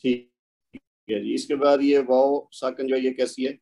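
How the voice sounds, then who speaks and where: A man's voice: medium pitch, little pitch movement, creaky, warm tone. A man whose first language is Urdu, teaching Quran recitation rules in an online lesson, patiently correcting and repeating points. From Pakistan or India.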